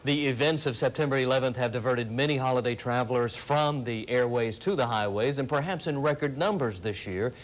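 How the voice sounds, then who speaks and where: A male local news anchor reads scripted stories at a medium pitch. A faint noise and rumble sits under the voice. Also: a little fast, few pauses, rough recording.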